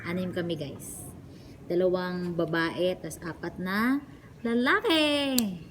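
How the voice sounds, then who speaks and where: Young Cebuano-speaking Filipina vlogger, deep voice, unhurried and chatty, noisy room behind. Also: female voice, fairly even intonation. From Cagayan de Oro, Philippines. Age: young adult. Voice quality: deep voice for a woman. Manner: chatty and playful, mixing Tagalog and English. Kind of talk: casual vlog chat.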